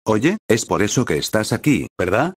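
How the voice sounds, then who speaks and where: A man's voice: fairly low pitch, big pitch swings, normal speed, husky, no echo, clean studio sound. A man reading a cheerful senior student. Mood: friendly. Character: cheerful older male student fighter.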